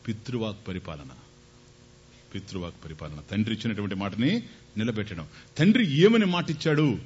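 A man delivers a spiritual discourse, his pitch rising and falling in an animated way as he tells a scriptural story and asks his listeners questions. The recording sounds a little dull and carries a faint low rumble behind him. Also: moderate pace. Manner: animated storytelling, voicing figures, rhetorical questions. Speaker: spiritual lecturer.

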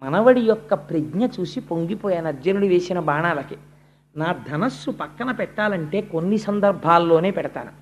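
A calm, noble old warrior grandsire speaks low and hushed, as a storyteller puts him on. The lines come slow and measured, with settled dignity. He sounds unhurried and composed. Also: close to an everyday voice. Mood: solemn.

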